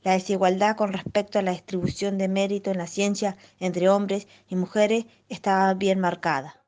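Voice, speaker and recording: A woman's voice: mid-range voice, level tone, normal speed, darkish tone. A young woman, a student, reading her part of a school presentation.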